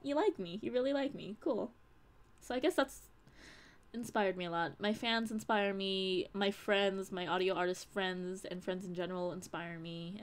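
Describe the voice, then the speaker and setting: A young woman streaming live, chatting casually and reading her chat aloud in a bubbly, rambling, giggly way. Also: medium pitch. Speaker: audio creator streaming live.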